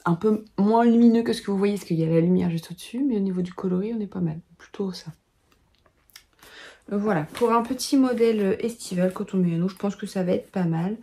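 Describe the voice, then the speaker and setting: A woman's voice: medium pitch, brisk, warm tone. A woman in her thirties chatting casually to camera at home, thinking aloud with lots of filler sounds. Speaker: knitting vlogger and pattern designer. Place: home at a desk, lit by a lamp.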